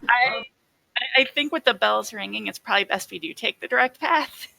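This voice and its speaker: A woman's voice: fairly high pitch, normal speed, gravelly, pushed and bright, dry recording, rough recording. A woman playing a tabletop game, earnest and slightly hesitant. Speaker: player.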